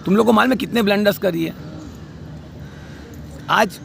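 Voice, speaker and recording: A man's voice: high-pitched, moderate pace, gravelly, a bit bright, slight background noise. A man delivering a heated, scolding rant about a family dispute, outdoors by a street. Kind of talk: angry spoken rant.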